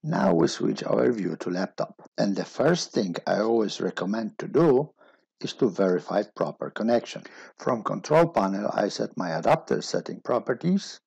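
A man giving a steady step-by-step technical tutorial as a voice-over. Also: lowish voice, vocal fry, slightly rough, dry recording. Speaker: instructor.

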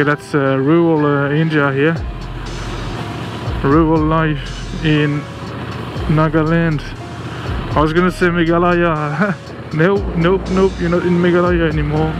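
A man from France with a French accent, giving casual, enthusiastic and exclamatory vlog commentary out on a motorbike trip. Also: on the high side. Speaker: motorcycle travel vlogger. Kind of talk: casual vlog commentary while riding, chatting to passers-by. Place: outdoors on a motorbike and at an event ground.

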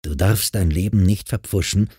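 A man voicing a calm, caring grown man in an audiobook who patiently talks a troubled girl round. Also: low-pitched, moderate pace, breathy edge, dry recording, studio quality. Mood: earnest.

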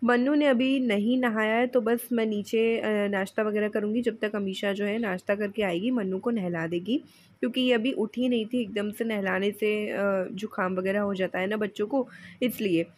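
A woman's voice: medium pitch, fairly even intonation, moderate pace, slight background noise. A woman in her thirties narrating her vlog in a chatty, heartfelt voice-over. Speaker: vlogger. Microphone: voice-over mic.

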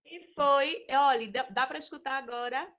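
A woman's voice: high voice, a bit bright. Woman on a choppy, cutting-out video call. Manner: halting, repeats words as her connection drops. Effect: choppy, cutting-out internet audio. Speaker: meeting participant. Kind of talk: casual chat on a video call.

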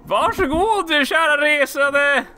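A man voicing a friendly, cheerful game villager in a high, drawn-out, sing-song voice. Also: pushed and bright, full character voice. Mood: cheery.

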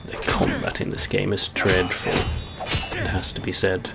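A man's voice: low-pitched, monotone, a little slow, creaky, very noisy. A man giving casual, wry game commentary, understated, as if muttering to himself. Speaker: let's-play commentator.

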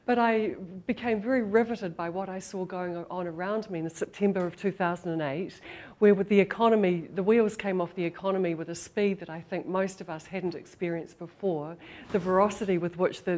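A woman's voice: on the low side, darkish tone. A middle-aged woman with a New Zealand accent gives a live talk as a marketing professor, conversational and repeating words for emphasis. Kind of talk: live presentation to an audience. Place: indoor lecture room, standing.

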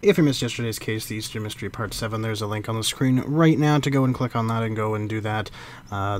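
Male host, lowish voice, laid-back walkthrough talk, filler-heavy, faint hum behind. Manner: casual, filler-heavy, unsure of names. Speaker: game guide host. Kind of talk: casual walkthrough narration.

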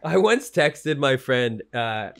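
Male podcast host, mid-pitched, playful and curious, conversational. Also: big pitch swings, slow, creaky, fairly bright tone, slight background noise. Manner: joking, asks lots of questions. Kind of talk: casual podcast chat.

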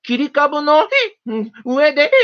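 A storyteller voicing a cheerful little male mouse who chatters quickly in a squeaky voice, in a storybook reading. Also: fairly even intonation. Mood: chatty. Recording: dull lo-fi recording.

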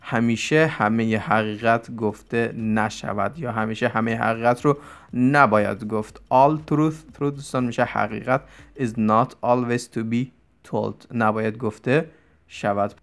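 A man teaching English vocabulary in Persian, explaining quickly and reading each English example slowly and deliberately. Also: medium pitch, gravelly.

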